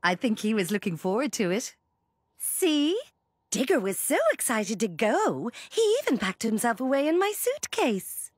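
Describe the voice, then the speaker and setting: A woman voicing a caring, cheerful cartoon mother who talks to her children in a gentle, coaxing way. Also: fairly high pitch, very animated, moderate pace, slightly rough, no echo, clean studio sound. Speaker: mother character. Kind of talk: animated preschool cartoon dub.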